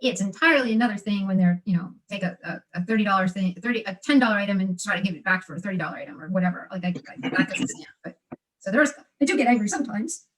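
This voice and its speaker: A woman's voice: mid-range voice, fast, distant mic, poor audio. A woman who sells online, talking casually and animatedly, often acting out what she and her customers say. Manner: animated, acts out customers and herself in quotes. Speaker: guest seller. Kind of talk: casual conversation.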